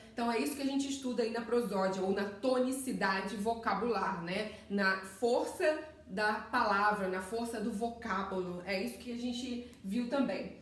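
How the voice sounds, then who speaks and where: Woman, Brazilian Portuguese accent, teacher, patient explaining, somewhat high voice, heavy room echo. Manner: explanatory, checks in with "tá?" often. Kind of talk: recorded class review. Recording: very echoey room, somewhat far from mic.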